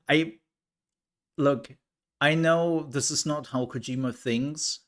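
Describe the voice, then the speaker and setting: A man's voice: a little high, a bit bright. A man streaming a farming game live, chatting casually and telling a rambling story with laughs.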